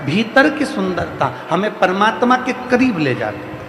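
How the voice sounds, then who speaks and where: A man's voice: high-pitched, big pitch swings, moderate pace, noisy background. A man with a central Indian Hindi accent delivering a devotional sermon, building each point through rhythmic repeated refrains. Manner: repetitive, rhythmic preaching with rising refrains. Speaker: kathavachak preacher. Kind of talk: devotional sermon to a large crowd. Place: large outdoor or hall religious gathering. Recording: echoey hall, long reverb, faint music.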